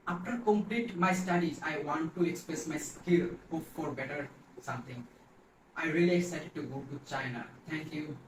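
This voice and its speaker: A man's voice: a little high, normal speed, distant mic. Young man, Bangladeshi accent, broken English, echoey room, noisy. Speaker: student applicant. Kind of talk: self-introduction video.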